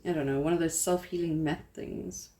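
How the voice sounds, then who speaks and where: A woman's voice: deep voice, fairly even intonation, moderate pace, warm tone. A young woman from South Africa, chatting casually and rambling a little as she works at her craft desk, poking fun at herself as she goes. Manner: chatty, rambling, self-deprecating. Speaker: craft vlogger. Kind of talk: casual crafting tutorial chat.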